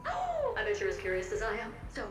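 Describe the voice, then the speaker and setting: A woman's voice: on the high side, wildly swooping pitch, fast talker. An actress voicing a playful, theatrical female storyteller in a video game, gushing and teasing. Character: playful fawning female host of a tale, theatrical. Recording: roomy echo, distant, with game music.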